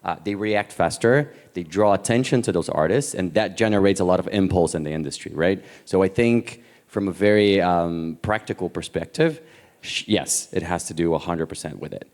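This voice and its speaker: A man with a very low voice talks as a panelist at a conference. He sounds relaxed and conversational. His voice rings out in a large hall with a long reverb. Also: normal speed.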